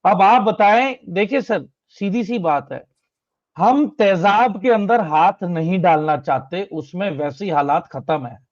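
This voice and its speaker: A man's voice: high voice, measured pace, dry recording, dull audio. A man on a political panel who asks questions and addresses the others as sir.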